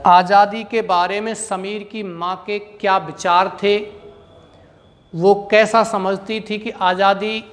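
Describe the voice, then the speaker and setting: Slow-dictating Indian male teacher, echoey. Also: sits high, steady tone. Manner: slow word-by-word dictation, then quick explanations. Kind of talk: dictating classroom answers, Hindi and English mixed. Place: school classroom.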